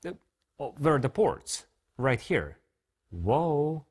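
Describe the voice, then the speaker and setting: A man's voice: mid-range voice, big pitch swings, takes it slowly, darkish tone, breathy edge. A man presenting a product launch in a scripted, joking way, full of playful self-mocking asides.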